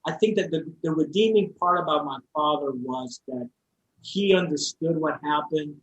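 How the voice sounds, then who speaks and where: A man tells his own story on a podcast in a slightly higher register. He speaks openly and with feeling. He often stops, repeats words and starts his sentences over. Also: animated, moderate pace, fairly bright tone, highs cut off, slight background noise. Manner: heartfelt and open. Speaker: interview guest. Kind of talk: personal storytelling in a podcast conversation.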